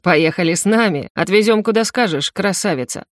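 A woman's voice: medium pitch, brisk, no room sound, studio quality, lightly acted. A woman reading the lines of a big, older bearded man who is crude and menacing. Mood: leering.

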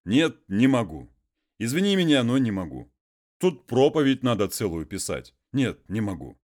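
Gentleman role for a male reader: measured, reasoning, firm, lively in pitch. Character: educated gentleman, patient but firm.

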